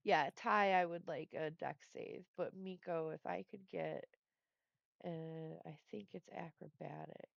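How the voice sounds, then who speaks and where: Woman dm running a tabletop game, slow talker, gravelly, dull lo-fi mic. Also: low voice, fairly even intonation, no echo. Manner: easygoing, laughs along with players. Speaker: game master.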